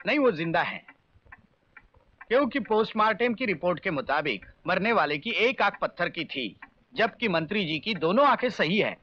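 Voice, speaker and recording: An authoritative police officer gives orders and lays out a case in a bright, high, lively voice. The old film recording is dull, with a faint hiss behind it. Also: male voice, exaggerated voice. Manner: explaining, commanding. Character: calm male intelligence officer, authoritative.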